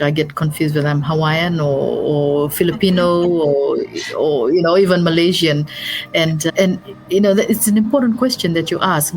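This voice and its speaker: A middle-aged Fijian woman talking as an interview guest, her voice sitting low in pitch. She speaks earnestly and often circles back over her words, with soft music faintly under her. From Fiji. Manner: earnest, repeats and restarts words. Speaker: business advisor, guest. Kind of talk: interview conversation.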